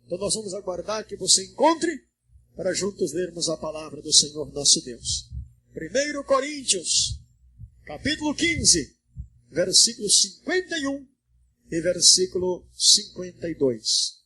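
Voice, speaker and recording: A Brazilian man preaching a Pentecostal sermon in church, calling on the congregation to answer, and rising into a rhythmic, sing-song shout. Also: sits high, big pitch swings, unhurried, slightly rough. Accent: Brazilian Portuguese. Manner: calls to the congregation to respond. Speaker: pastor. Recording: 1992 church recording.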